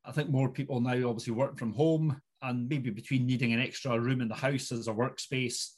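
Middle-aged man with a Scottish Highland accent. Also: fairly even intonation, a little fast, darkish tone, slightly rough. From Inverness, Scottish Highlands. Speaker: guest mortgage expert. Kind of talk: conversational expert interview.

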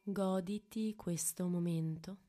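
A woman leading a guided meditation in a hushed, intimate voice right by the ear, with long pauses between short phrases. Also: on the low side, fairly even intonation. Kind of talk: guided meditation, slow and soothing.

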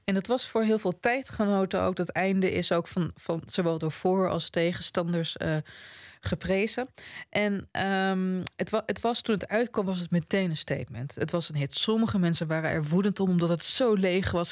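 A man co-hosting a casual book chat, telling the story with animation and reading passages aloud slowly. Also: high-pitched, dry recording, studio quality. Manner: animated storyteller, reads quotes slowly and softly. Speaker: podcast co-host discussing a novel.

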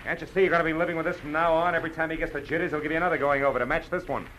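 Here an American radio actor's male voice is a little high, steady in tone, very fast and a bit bright, lightly acted, with the highs cut off in a noisy vintage recording. As lead and narrator of a hard-boiled 1940s drama, he plays a tough, wry private detective narrating his case in clipped, sardonic slang. The mood is hard and pressing.

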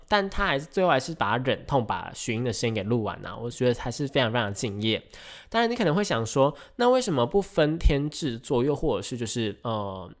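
Lively chatty man hosting a podcast. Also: mid-range voice. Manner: chatty, rambling, frequent hesitations and self-corrections. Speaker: podcast host. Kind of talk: casual explanatory podcast talk.

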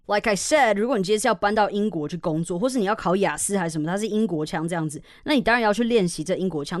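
A woman's voice: lowish voice, no echo. Frank young woman, dry close sound. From Taiwan. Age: young adult. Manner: frank and emphatic, swears freely. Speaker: podcast host and English teacher. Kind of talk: casual podcast monologue.

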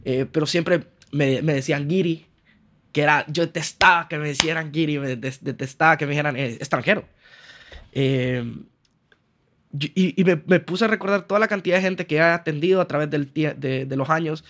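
This man, a trained architect guesting on a podcast, speaks with a Honduran Spanish accent, his pitch on the high side and his tone fairly bright at a normal pace. He retells personal stories conversationally, quoting dialogue and adding slangy asides.

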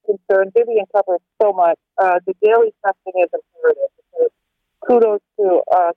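A woman's voice: mid-range voice, huge pitch swings, brisk, gravelly, dry recording. A woman calling in to a radio show on a mobile phone that keeps breaking up, her sentences choppy and cut off mid-phrase. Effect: mobile phone line breaking up, choppy dropouts. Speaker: caller. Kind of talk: radio call-in. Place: resident's room in a care home. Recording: tinny mobile phone line, distant from the phone.

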